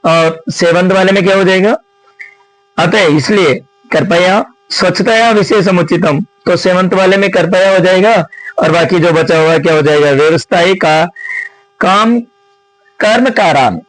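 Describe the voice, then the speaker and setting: Here a man who teaches Sanskrit, his voice on the high side, walks through an exam answer key board-style, repeatedly addressing viewers as friends and answering his own questions. His pace is a little slow. It's a rough recording, dry and close-miked with no echo or surrounding space.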